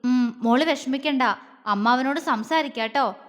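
A woman's voice: high voice, moderate pace, in a large hall, natural voice. A woman voicing an affectionate middle-aged mother who coaxes tenderly. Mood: loving. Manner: coaxing, tender.

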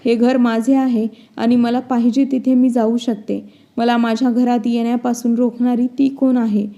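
A woman narrates an elderly widowed mother, firm and defiant. She scolds in a slightly high voice with little rise and fall. The tone stays mellow and even. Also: normal speed, lo-fi sound, close to an everyday voice. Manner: forceful, scolding reading.

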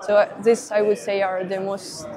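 A young woman explains a technical system at a trade-fair booth. She talks methodically, step by step, with small pauses and fillers. Her voice is close on a lapel mic. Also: medium pitch, little pitch movement, a crowd in the background. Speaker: perception engineer guest.

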